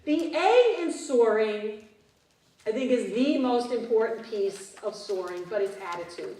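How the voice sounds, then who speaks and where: A woman in her fifties giving a motivational keynote to a conference audience, animated and prompting the crowd with frequent questions. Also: a little high, measured pace. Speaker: keynote speaker. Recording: roomy hall, distant mic.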